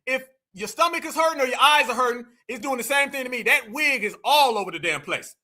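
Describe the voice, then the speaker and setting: A man hosting a political commentary livestream, with a very high, bright voice. He talks in a combative, preachy way and keeps calling on the chat as family. His tone is sharp and mocking. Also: expressive, a little fast. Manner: combative, preachy, addresses the audience as family and y'all. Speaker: livestream host.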